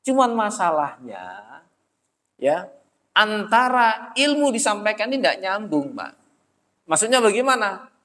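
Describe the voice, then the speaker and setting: A man's voice: high-pitched, very animated, a little slow, long pauses, sharp tone. A man giving a religious study lecture in a prayer room, often asking questions and answering them himself. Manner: addresses listeners as "Pak", asks and answers own questions. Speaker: religious teacher. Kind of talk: Islamic study-circle lecture. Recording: long hall reverb.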